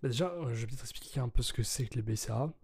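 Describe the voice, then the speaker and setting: A young man with a mellow, soft-edged tone talks casually as a podcast co-host. He explains things in an informal way, correcting his words as he goes, in a close, dry recording. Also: mid-range voice, very fast, gravelly, slightly rough, dry recording. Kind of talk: casual chat.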